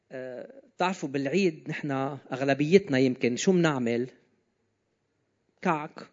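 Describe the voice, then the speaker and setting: A preacher with a Levantine, Lebanese Arabic accent delivers an informal sermon, speaking conversationally and frequently asking his listeners questions. His voice is on the high side with a darkish tone, and the recording sounds slightly dull and lo-fi.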